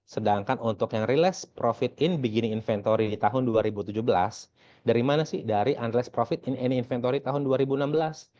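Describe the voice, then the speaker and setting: Speaking fast in a warm, mid-range voice, an Indonesian man who lectures in accounting works through an exercise in a conversational style. He keeps asking questions and answering them himself, with plenty of check-in tags, and the recording sounds dull and lo-fi.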